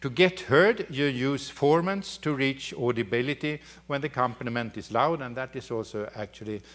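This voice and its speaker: A man giving a university lecture on the voice. He explains step by step and often pauses to correct himself. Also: medium pitch, a bit bright. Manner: halting, with many fillers and restarts. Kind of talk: academic lecture.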